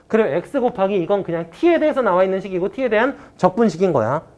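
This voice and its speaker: Young woman math teacher, casual lecture, animated pitch, keeps checking in with students. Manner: casual, talks to students directly, checks understanding often; mock-exasperated outbursts.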